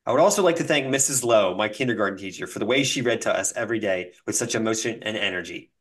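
A man's voice: on the low side, quick pace. A man hosting a casual podcast, reading listener comments aloud and reeling off long lists with laughs. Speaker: podcast host.

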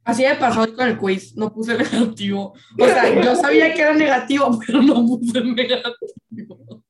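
Woman, fairly high pitch, rambling casual storytelling. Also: moderate pace, a loud crowd. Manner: rambling, filler-heavy storytelling. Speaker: podcast co-host. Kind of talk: casual chat.

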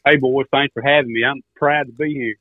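A man's voice: mid-range voice, steady tone, fairly quick, no echo. A middle-aged or older man with an Arkansas Southern accent and a folksy drawl, telling stories casually as a guest. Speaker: guest, duck caller and turkey hunter. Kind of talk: casual storytelling interview. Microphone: remote phone call. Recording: tinny, narrow phone line.

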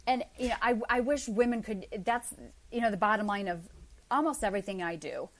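A woman's voice: mid-range voice, brisk, a bit bright. Woman, forties, interview guest; candid, chatty, wry. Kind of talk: casual interview chat.

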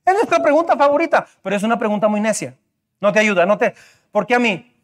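A man's voice: high-pitched, expressive, quick pace. A man pastor preaching a sermon, emphatic, with rhetorical questions and repetition.

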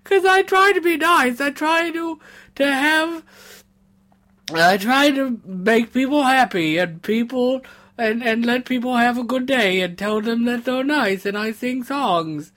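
A man's voice: very high voice, unhurried, fairly bright tone. A man voicing a sad, tipsy, sweet-natured troll who rambles and stammers through apologies on a comedic phone call. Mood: apologetic.

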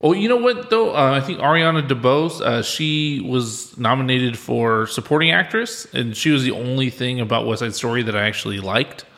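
A man's voice: medium pitch, moderate pace, few pauses, fairly bright tone. A man hosting a casual film podcast chat, sounding like he is recording in an empty room. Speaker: podcast host.

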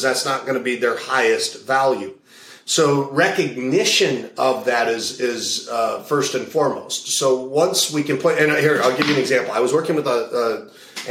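Speaking at a medium pitch with a fairly bright tone, a male hypnotist and values coach discusses his coaching work as an interview guest, his voice echoing around a roomy space. The talk is casual and anecdotal: he explains through long stories and drives his points home by repeating key phrases.

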